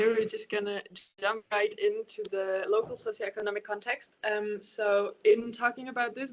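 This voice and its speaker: A woman, presenting a project over a video call, hesitant and full of ums and yeahs. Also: medium pitch. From Germany. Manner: hesitant, many ums and yeahs, laughs lightly.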